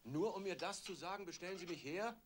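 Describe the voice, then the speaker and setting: A man's voice: high voice, a little fast, a little hiss or hum, lightly acted. A man playing a curt, grumpy inventor. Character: proud, irritable engineer and inventor.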